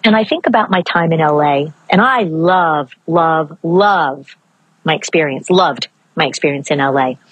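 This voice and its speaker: Husky-voiced older woman, slow and expressive. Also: sits low, muffled recording. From Maryland. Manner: expressive, stretches key words slowly and speeds through asides. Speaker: podcast host. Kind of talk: reflective solo podcast monologue. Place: outdoors.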